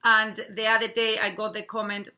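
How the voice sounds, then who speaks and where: A woman with a Chilean Spanish accent talks casually and haltingly, stumbling now and then over words. Her voice is bright and clear. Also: on the high side, completely flat delivery. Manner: warm, halting, with small slips and restarts. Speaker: co-host. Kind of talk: casual product chat.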